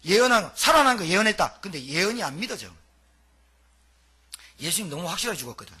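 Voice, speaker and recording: A male pastor preaching a dramatic, colloquial sermon, throwing out rhetorical questions. His husky voice sits high and swings widely, very forceful one moment and dropping low the next. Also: sing-song, quick pace.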